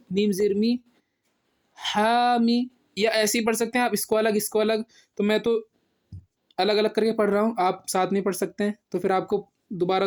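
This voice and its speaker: A man teaching a reading lesson step by step. He patiently asks and answers his own questions and draws out each syllable slowly as he spells. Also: high voice, darkish tone.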